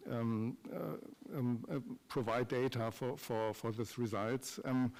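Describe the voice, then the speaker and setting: A man's voice: mid-range voice, steady tone, slow pace, vocal fry, darkish tone. Hesitant man in a reverberant hall. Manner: hesitant, many ums. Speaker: conference attendee asking questions.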